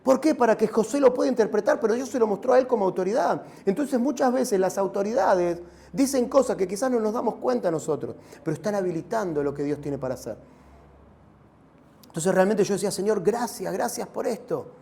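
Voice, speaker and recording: A male pastor with a Rioplatense Spanish accent delivers an animated sermon. His voice sits very high and has a gravelly edge. He swells into shouts at times. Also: brisk. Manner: animated preaching, rising to shouts.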